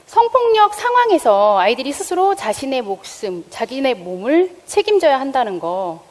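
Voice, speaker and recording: Woman, lecturing teacher, animated pitch, higher voice, asks the audience questions, reverberant hall. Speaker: school health teacher. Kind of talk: public lecture. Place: lecture stage before an audience.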